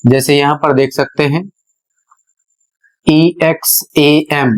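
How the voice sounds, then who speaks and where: A man's voice: a little high, little pitch movement, takes it slowly, poor audio. A man giving a pronunciation lesson, spelling out words letter by letter and explaining each one. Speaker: English teacher.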